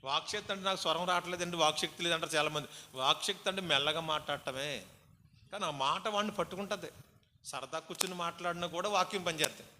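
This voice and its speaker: Bright-voiced preacher man, echoing hall. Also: a little high, fast talker. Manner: exhorting, calls for praise responses. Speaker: pastor. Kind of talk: sermon. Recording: hall reverb, faint background noise.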